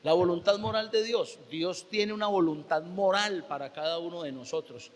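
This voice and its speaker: A man's voice: sits high, normal speed. A man with a Colombian accent, a pastor preaching a sermon, telling a story and acting out the dialogue with emphatic delivery. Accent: Colombian Spanish. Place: church sanctuary. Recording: long church hall reverb.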